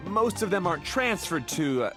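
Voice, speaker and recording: A man's voice: high-pitched, sing-song, moderate pace. An actor playing an easygoing young man, a technical guide in a video game, casual and explanatory. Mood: reassuring. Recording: music behind the voice.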